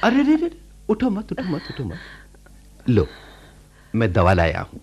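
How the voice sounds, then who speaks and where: An actor in a radio play voicing an earnest, caring reformed village laborer. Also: male voice, mid-range voice, wildly swooping pitch, moderate pace, highs cut off. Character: kind reformed village laborer Sappu, man. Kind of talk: radio drama acting.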